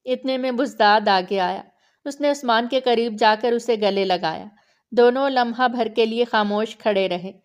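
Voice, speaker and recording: A woman narrating a romantic novel in a steady, dramatic storytelling manner. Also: fairly high pitch, smooth. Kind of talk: audiobook novel reading.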